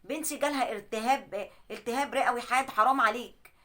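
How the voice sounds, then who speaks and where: A woman with an Egyptian accent voicing a worried middle-aged mother who gently coaxes and pleads with her daughter. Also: on the high side, quick pace. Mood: pleading. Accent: Egyptian Arabic.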